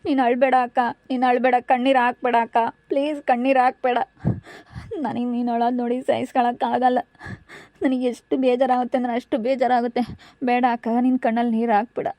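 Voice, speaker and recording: A woman's voice: on the high side, little pitch movement, quick pace, a little mellow, dry recording, natural voice. A woman playing a pleading, devoted younger sister. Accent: rural central Karnataka Kannada. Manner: pleading, insistent comforting. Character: devoted younger sister consoling a crying elder sister. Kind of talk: amateur village family drama.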